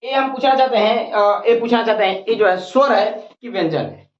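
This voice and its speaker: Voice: medium pitch, moderate pace. A teacher giving a grammar lesson at a board, repeating each point and asking and answering questions. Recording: roomy, dull lo-fi recording.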